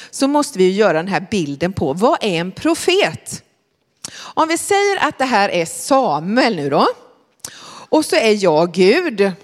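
Animated woman telling a children's Bible story. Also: mid-range voice, in a large hall. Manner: animated, questioning the listeners.

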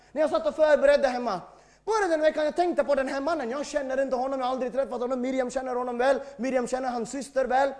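High-voiced emphatic male preacher. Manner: emphatic preaching, swings between shouting and quiet. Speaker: pastor. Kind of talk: sermon.

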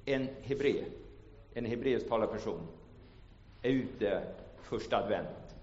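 A man preaching a sermon in a church. He shifts from hushed storytelling to loud, ringing calls. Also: fairly low pitch. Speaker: pastor. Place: church hall. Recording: echoey church hall, dull lo-fi sound.

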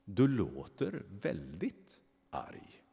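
A man reading a storybook and voicing a stern male angel, slow and measured, with a long hall reverb. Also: fairly low pitch, wildly swooping pitch, creaky, warm tone, breathy edge, heavily acted. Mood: calm.

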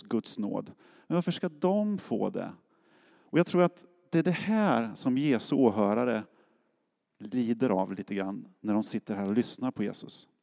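Man, middle-aged pastor, casual storytelling sermon, mellow voice, long reverb of a church hall. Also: fairly low pitch, vocal fry. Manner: casual storytelling, acts out quotes.

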